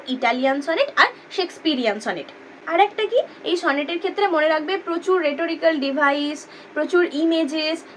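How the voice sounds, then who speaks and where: A woman teaching a lesson, explaining patiently and repeating key terms slowly. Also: high voice, a bit bright, a little hiss or hum.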